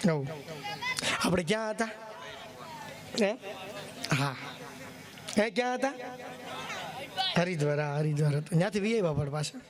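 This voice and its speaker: A man's voice: fairly high pitch, expressive, normal speed, long pauses, a crowd in the background. A man doing live folk stage comedy, telling jokes and teasing the audience. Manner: folksy, teasing, acts out characters in raised voices.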